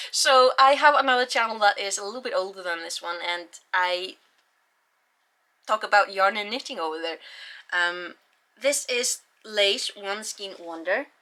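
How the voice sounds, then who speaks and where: A young woman, a native Icelandic speaker with an Icelandic accent, rambles casually through her book haul as a book vlogger, sighing and saying "um" along the way. Her voice is medium in pitch, her pace measured, and her tone sharp.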